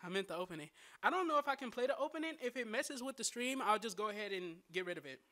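A man's voice: sits high, lively intonation, fast talker, bright, forceful tone. A young man live-streaming a game, greeting chat by name with lots of slang and hyped chatter.

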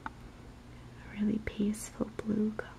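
A young woman giving a soft-spoken, whispered ASMR chat in a gentle, unhurried, soothing murmur. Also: mid-range voice, monotone, vocal fry, slight background noise. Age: young adult. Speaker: ASMR video maker.

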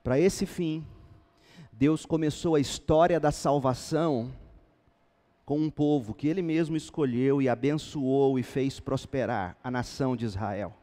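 Preaching pastor in a reverberant hall. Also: male voice, medium pitch, unhurried. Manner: building to loud emphatic preaching, reading scripture aloud. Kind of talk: sermon.

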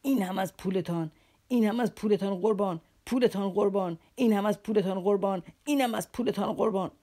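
A woman voicing a poor, proud army captain in an audiobook, talking feverishly fast with a bitter, mocking edge. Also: low voice, gravelly, a little mellow, slightly rough, full character voice. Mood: furious. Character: poor, proud, frantic middle-aged male army captain. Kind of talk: audiobook character reading.

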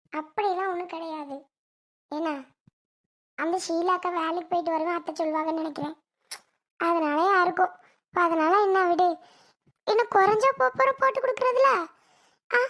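A woman's voice: extremely high pitch, moderate pace, long pauses, a bit bright. A woman playing a young mother in a family comedy skit, who brushes off and mocks her nagging mother. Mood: dismissive. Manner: brushing off, mocking. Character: young mother, dismissive and teasing.

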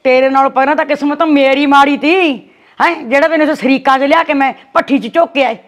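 A woman plays a worried middle-aged village aunt with a Malwai Punjabi accent. Her voice is high, and she coaxes and insists, calling him "son" again and again. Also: steady tone, quick pace, natural voice. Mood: coaxing. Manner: coaxing, insistent, repeating "son". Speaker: paternal aunt. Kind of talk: web series acting.

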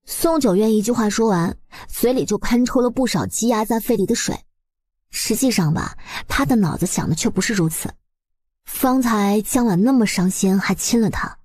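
A woman's voice: mid-range voice, a little mellow, husky, dry recording. A woman narrating a webnovel story expressively, in a colloquial, dramatizing storyteller's manner.

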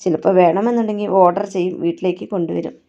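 A woman's voice: on the low side, fairly even intonation, very fast, mellow, lightly acted. A woman doing a wronged young daughter. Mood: sad. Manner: emotional, reproachful. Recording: dull lo-fi recording.

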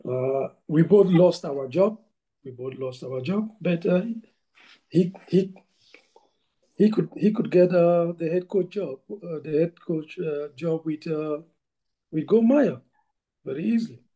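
A middle-aged man from Cameroon speaks on a video call from a room at home. His voice is fairly high and strikingly tense and forceful. He talks haltingly, with many "uh"s and restarts. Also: rough recording. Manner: hesitant, many fillers and restarts. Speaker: football coach. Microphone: video call laptop mic.

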